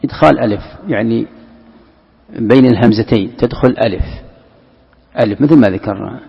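A man's voice: mid-range voice, a little fast, vocal fry, breathy edge. A man teaching a Quran commentary lesson, patiently explaining and repeating key terms, often restarting words. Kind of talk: classroom lesson explaining a text. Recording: echoey hall, muffled lo-fi sound.

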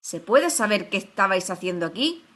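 A woman voicing a haughty, hot-tempered queen of playing cards in a storybook reading, barking orders and shouting. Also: fairly low pitch, lively intonation, slow. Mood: furious shouting.

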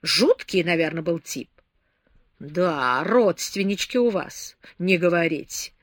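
Woman reading as a gruff man, exasperated, curt, lower voice, audiobook. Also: animated, takes it slowly, no room sound, studio quality. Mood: wry. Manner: grumbling, curt.

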